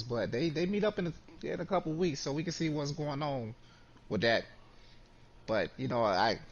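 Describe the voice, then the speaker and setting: A man talking casually as a guest on a sports chat, relaxed and often repeating his words as he restarts. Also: mid-range voice. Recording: dull lo-fi line with faint noise.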